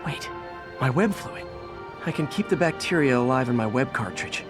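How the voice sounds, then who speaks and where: A man's voice: mid-range voice, animated, normal speed, music in the background, lightly acted. An actor playing a quippy young male superhero who thinks aloud in a video game, with an American accent and a chatty, earnest, wry manner. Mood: thoughtful. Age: young adult. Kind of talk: video game voice acting, self-narrating.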